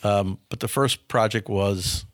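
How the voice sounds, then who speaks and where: Speaking a little slowly with a lowish, steady voice, a man in his fifties gives frank answers in a casual interview, frequently repeating words as he begins sentences. He owns a business and comes from a small town near Milwaukee, US. The audio is clean studio sound without echo.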